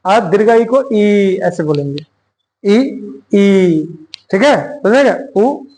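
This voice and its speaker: A male teacher giving a grammar lesson, dictating slowly and repeating phrases word by word. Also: high-pitched, sing-song, darkish tone.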